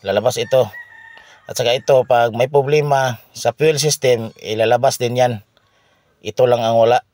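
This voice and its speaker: A man, a mechanic explaining a car repair to viewers in a halting way, pausing and repeating himself. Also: medium pitch, steady tone, darkish tone, dry recording.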